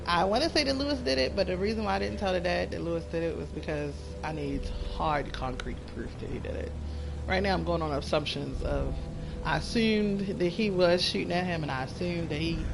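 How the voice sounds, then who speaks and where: A woman with a creaky voice giving casual commentary as she plays a video game. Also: lowish voice, noisy background. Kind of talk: casual let's-play commentary. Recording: game music behind the voice.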